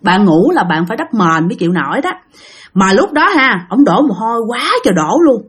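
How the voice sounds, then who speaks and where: A woman with a Southern Vietnamese accent tells a ghost story in a chatty, casual manner, frequently addressing listeners directly. Her voice is medium-pitched, husky, and sing-song, and she talks fairly quickly.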